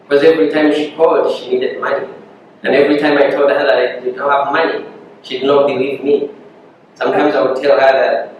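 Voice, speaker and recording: A man's voice: mid-range voice, flat delivery, brisk, a little hiss or hum. A man from Africa with an African accent gives a personal testimony in a church, telling his story with laughter. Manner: storytelling with laughter, acting out dialogue. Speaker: guest speaker sharing his story. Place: church hall. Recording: echoey church hall from far off.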